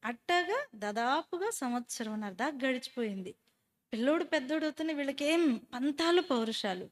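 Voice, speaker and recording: High-voiced woman telling her testimony. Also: moderate pace. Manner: animated storyteller who quizzes listeners. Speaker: speaker giving a personal testimony. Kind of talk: storytelling testimony to a church group.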